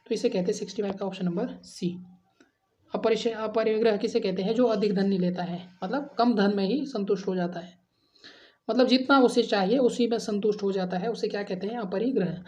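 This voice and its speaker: A woman with a mid-range, brisk and slightly mellow voice teaches a Hindi grammar exam-prep lesson. She calls her students friends, poses quiz questions and answers them herself, and drills the responses by repeating the option letters.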